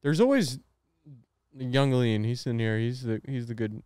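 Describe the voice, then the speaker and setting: A man's voice: mid-range voice, a little slow, darkish tone, smooth, no room sound, clean studio sound. A young man with a lisp that slurs his s sounds, bantering casually as a podcast co-host.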